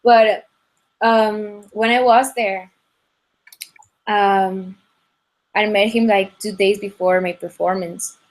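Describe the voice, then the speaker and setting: A young woman from Ecuador talks in a casual interview. Her English comes in halting bursts, full of restarts and fillers. Her voice comes through a video call. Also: mid-range voice, steady tone. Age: young adult. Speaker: guest singer.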